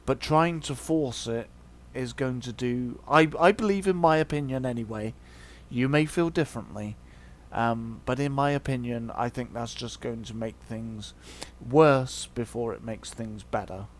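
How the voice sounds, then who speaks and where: Slow-talking man, halting and reflective. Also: medium pitch. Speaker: video host. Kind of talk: casual opinion monologue to viewers.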